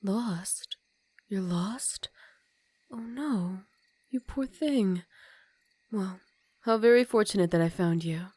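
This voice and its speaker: A woman playing an ancient, aristocratic vampire countess in an intimate ASMR roleplay, speaking softly and formally with a teasing, condescending manner and some whispered phrases. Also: mid-range voice, slow, pauses often, slightly rough, no echo. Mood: coyly reassuring.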